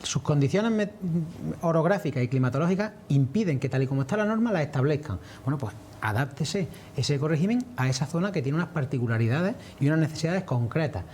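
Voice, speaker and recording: A man's voice: a little high, expressive, fast talker, darkish tone, a little hiss or hum. A man answering as a farmers' representative in a broadcast interview, earnest and explanatory.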